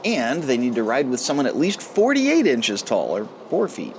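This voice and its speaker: A man's voice: medium pitch, wildly swooping pitch, normal speed, slight background noise. A man hosting a ride video with upbeat scripted narration and a chatty way of addressing viewers. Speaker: host narrator of a theme park ride video. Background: music.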